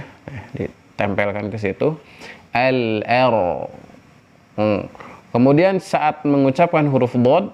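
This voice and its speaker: A man teaching Quran recitation rules, patiently explaining and drawing out syllables slowly to demonstrate. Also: medium pitch, muffled recording. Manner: patient, repeats syllables slowly to model pronunciation. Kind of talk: tajwid lesson with slow demonstrations.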